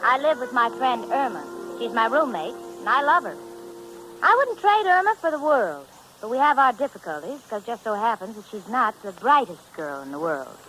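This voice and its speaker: A woman's voice: fairly high pitch, sing-song, normal speed, pushed and bright, faint music behind, rough recording. An actress playing a dry, patient young woman who narrates a comedy in a 1940s old radio show broadcast. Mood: wry. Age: young adult. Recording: hissy vintage radio broadcast.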